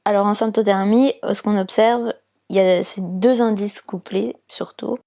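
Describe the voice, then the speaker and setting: A woman's voice: mid-range voice, fairly even intonation, moderate pace, warm tone. A woman from France, a fertility awareness counsellor, explaining her work patiently step by step in an interview, with frequent fillers.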